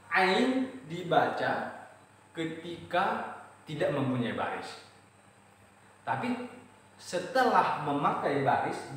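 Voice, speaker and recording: An Indonesian man with an Indonesian accent explaining letters in a casual lesson, chanting recited verses slowly. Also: fairly high pitch, recorded from a distance. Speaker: Quran reading teacher. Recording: very echoey room, voice off-mic, faint noise.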